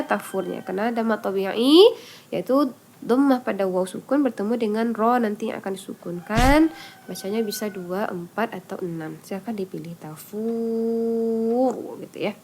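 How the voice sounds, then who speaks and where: A woman with a fairly high voice teaching Quran recitation. She explains patiently and step by step, asking questions and answering them herself. She lingers on each example syllable, stretching it out slowly. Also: expressive, darkish tone, slight background noise. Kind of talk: online tajwid lesson.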